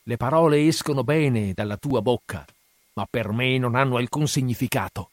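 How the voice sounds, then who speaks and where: A man voicing a frenzied, gleeful old Egyptian priest who speaks in a loud, exalted, hysterical way in a dramatic audiobook reading. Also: mid-range voice, moderate pace, dry recording, lightly acted.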